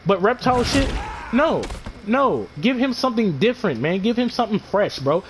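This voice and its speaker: Excitable high-voiced young man ranting. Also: moderate pace, slight background noise. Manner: excited, animated, swears a lot, slangy. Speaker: gaming commentator. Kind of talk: casual gameplay commentary.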